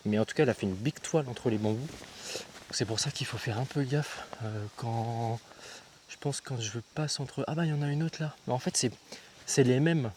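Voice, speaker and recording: A young man chats to his handheld camera as a travel vlogger, his mid-range voice somewhat mellow and moderately paced, over a little hiss or hum. He's slangy and loose, calling viewers "guys" and thinking aloud with frequent fillers and restarts.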